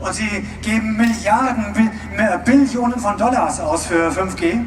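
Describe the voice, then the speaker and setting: A man interpreting a speech live at an outdoor rally, loud and halting, sometimes shouting. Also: high-pitched. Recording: distant, echoey PA with loud crowd and music.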